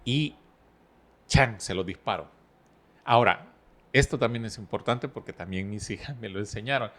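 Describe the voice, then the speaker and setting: A middle-aged man, a podcast guest who talks calmly and explains with stories and analogies. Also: fairly low pitch. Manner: storytelling, explains with analogies, calm and measured. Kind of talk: relaxed podcast conversation.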